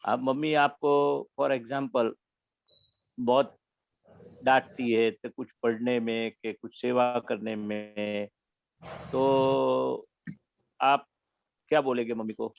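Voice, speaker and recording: A man giving a spiritual talk to young listeners, explaining slowly and repeating his key phrases. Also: medium pitch, level tone, creaky, dry recording. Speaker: spiritual teacher. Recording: dull lo-fi recording.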